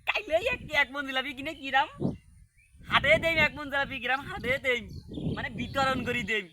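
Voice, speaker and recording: A man's voice: very high voice, fairly quick, very noisy. Rahim, a man playing a wailing village joker. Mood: gleeful. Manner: exaggerated wailing, sing-song lament. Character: comic village man Rahim, fake-mourning his wife. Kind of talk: comedy skit acting.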